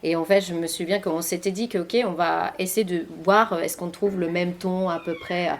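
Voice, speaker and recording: Speaking in a fairly low voice with fairly even intonation and a moderate pace, this woman is an interviewed author and journalist in a library meeting room. She is in her forties, from Finland, and answers in accented second-language French, often using fillers and starting over.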